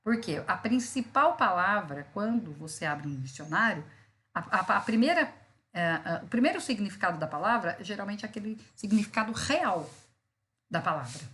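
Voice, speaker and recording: In this online vocabulary lecture, a law school teacher from Brazil uses examples to explain what words mean, peppering her speech with "né" and "tá." Her voice sits at a medium pitch, sounds fairly bright and expressive, and moves at a moderate pace, carrying a Brazilian Portuguese accent.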